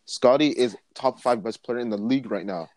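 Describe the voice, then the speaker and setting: A man's voice: medium pitch, brisk, darkish tone, no room sound. A man talks sports on a podcast, pressing his argument with rising emphasis and lists of examples. His voice sits in an ordinary middle range. The sound is dry and close to the mic. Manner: emphatic, builds points in lists. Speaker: podcast co-host. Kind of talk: casual sports podcast chat.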